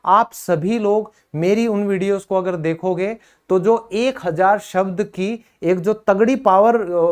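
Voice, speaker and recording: A man's voice: high voice, smooth. A man teaching an English pronunciation lesson, repeating words emphatically to drill them.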